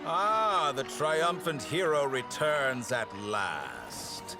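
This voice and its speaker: A man's voice: a little high, big pitch swings, very slow, music in the background, crowd noise, exaggerated voice. A man voicing a smug, sinister villain scientist in a video game, pompous and mocking in a theatrical way. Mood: smug, gloating.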